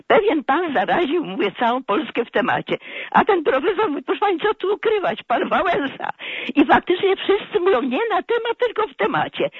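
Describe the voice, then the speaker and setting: A woman's voice: high voice, breathy edge, no room sound. An older woman from Poland calling in to a radio talk show, complaining in an indignant, rambling way. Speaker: caller. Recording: muffled phone line, dry.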